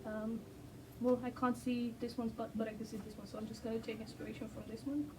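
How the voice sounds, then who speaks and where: This artist draws while chatting loosely for her vlog, speaking English as a second language with frequent pauses, ums, and self-deprecating remarks. Her pitch sits fairly high and her intonation is fairly even; the distant mic catches background music and general noise.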